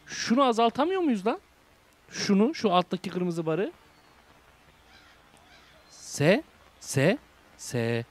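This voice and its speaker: A young man with a Turkish accent doing casual horror game commentary, reading game text aloud and translating it, jumping between hushed whispers and loud shouts. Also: sits high, wildly swooping pitch, slow pace, long pauses. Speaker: gaming YouTuber. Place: home room. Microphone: desk microphone.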